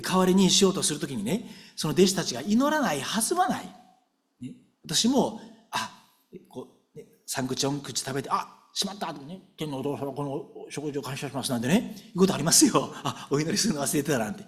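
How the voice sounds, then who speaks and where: Animated high-voiced male preacher. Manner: conversational preaching with frequent tag questions to the congregation; animated and expressive, acting out prayers aloud. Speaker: pastor. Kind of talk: sermon.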